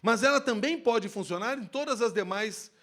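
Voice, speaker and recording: A man speaking on stage at a workplace safety event, giving an expressive live lecture into a handheld microphone. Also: high-pitched, normal speed. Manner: animated, expressive, shifts tone to demonstrate.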